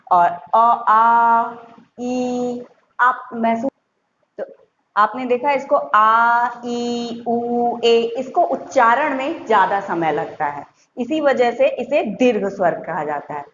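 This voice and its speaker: A woman with a fairly high voice teaches a grammar lesson to young children. She is patient, repeats each point and sounds out every example slowly. The recording is muffled and echoey, with a faint hiss underneath. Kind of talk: Hindi grammar lesson for schoolchildren.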